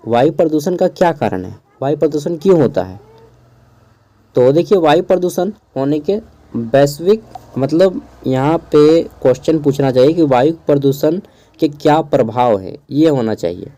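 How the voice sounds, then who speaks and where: A young male tutor talks through exam questions in a relaxed, chatty lesson, often drifting into asides. His voice sits fairly high yet sounds very dark and mellow. He keeps it hushed, recording in a small room at home. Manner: chatty, digresses with asides and chuckles; keeps his voice down so neighbours won't hear. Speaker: teacher going over an exam paper. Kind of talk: casual spoken exam lesson.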